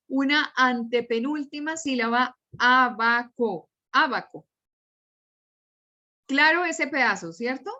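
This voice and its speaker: A woman's voice: high voice, pushed and bright, lo-fi sound. A woman teacher giving a patient, step-by-step class lecture and repeating examples to her students. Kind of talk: slow, explanatory class lecture.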